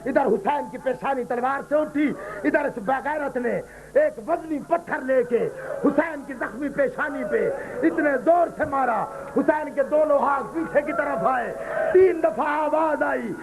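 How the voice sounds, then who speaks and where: A man's voice: very high voice, vocal fry. A man reciting a mournful lament at a mourning gathering, wailing and pleading with his listeners. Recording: live gathering with crowd noise. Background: crowd of mourners.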